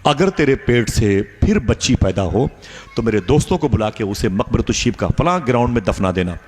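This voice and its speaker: A man's voice: mid-range voice, big pitch swings, moderate pace, a little mellow, big-room sound, close to an everyday voice. A preacher putting on a stern harsh father. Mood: commanding. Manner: stern, commanding. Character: harsh stern father, commanding his wife.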